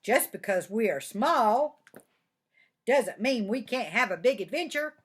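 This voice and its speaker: A woman's voice: on the high side, lively intonation, measured pace, breathy edge. An older woman with a grandmotherly delivery voicing a small, eager female mouse in a storybook, speaking emphatically.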